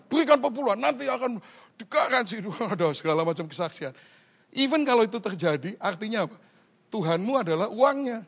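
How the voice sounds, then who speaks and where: A man's voice: high-pitched, fairly bright tone. A male pastor preaching a sermon in a joking, teasing way, full of rhetorical questions and English phrases mixed into his talk. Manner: mixes English phrases into Indonesian speech.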